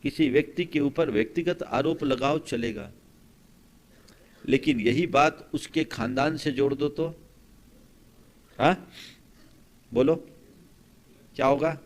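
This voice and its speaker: Emphatic Hindi-speaking monk preaching. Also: male voice, fairly high pitch, slow, pauses often. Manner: storytelling, rhetorical questions, swings from soft to emphatic. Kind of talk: sermon.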